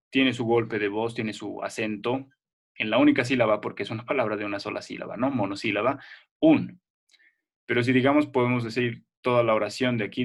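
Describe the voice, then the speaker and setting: Patient male teacher checking understanding. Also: mid-range voice. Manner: patient, checks in often with short questions. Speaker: primary school language teacher. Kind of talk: online class explanation.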